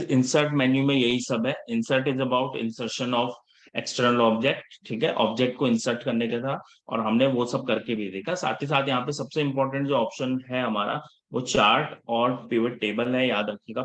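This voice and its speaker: A man's voice: medium pitch, steady tone, moderate pace. Hindi-speaking man teaching a casual class. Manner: casual Hinglish teaching, checks in often with the class; scolds students about attendance. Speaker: instructor. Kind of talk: live class lecture.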